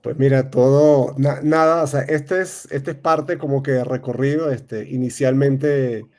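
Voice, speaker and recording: A man in his thirties with a Venezuelan accent, a real estate advisor answering interview questions in a halting way, full of fillers and restarts. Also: mid-range voice, steady tone, darkish tone. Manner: hesitant, many fillers and restarts. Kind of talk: casual interview talk.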